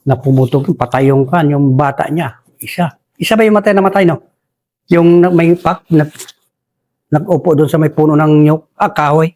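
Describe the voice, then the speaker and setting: Speaking at normal speed, this man from Basilan, Philippines, has a slightly high, darkish voice. Now retired from the army, he rambles through a war story, restarting often, and respectfully addresses the host as "Sir" again and again.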